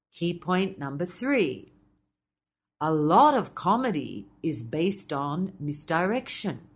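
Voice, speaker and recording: Slow, lively-pitched woman teaching MCs. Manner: measured, explanatory delivery with playful asides. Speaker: MC trainer. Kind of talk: instructional talk.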